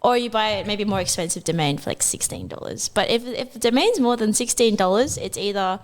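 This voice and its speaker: A young woman, chatting on local radio as a guest. She talks in a chatty, upbeat way, with a middling pitch, and laughs easily. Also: expressive, a little fast. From Sydney, Australia. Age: young adult. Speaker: guest, web developer. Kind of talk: casual radio chat. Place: radio studio.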